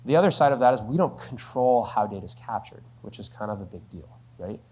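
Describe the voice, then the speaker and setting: Speaking fairly quickly in a warm, husky voice on the low side, this man is expressive as he handles a business question. As the company's spokesperson in a conversational Q&A, he lays it out step by step, frequently adding "right?".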